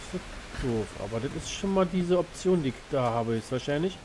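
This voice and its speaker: A man's voice: fairly high pitch, expressive, brisk, background noise. A man thinking aloud in casual, slangy gameplay commentary. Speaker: let's play host. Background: game ambience.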